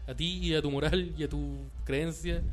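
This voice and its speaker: Man, Chilean accent, young adult, podcast co-host, rapid slangy jokes, faint music underneath. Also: on the high side, fairly even intonation. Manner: rapid, joking, full of slang. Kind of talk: casual comedic chat.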